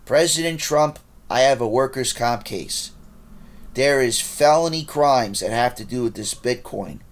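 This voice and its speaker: A man with a voice of ordinary pitch records a rambling monologue straight to camera. He sounds agitated and accusatory, turning to address people directly as he goes. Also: a little slow. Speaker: vlogger.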